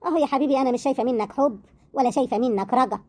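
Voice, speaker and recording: A woman with an Egyptian accent playing a bitter, sharp-tongued wife in an audio drama, scornful and mocking. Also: sits high. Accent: Egyptian Arabic. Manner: scornful, mocking, quick retorts.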